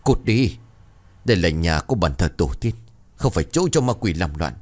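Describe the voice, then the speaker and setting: A stern old grandfather barks orders in a ghost story, gruff and commanding, voiced by a male narrator. His voice sits low but swings widely as he scolds. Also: animated, normal speed, darkish tone, close to an everyday voice.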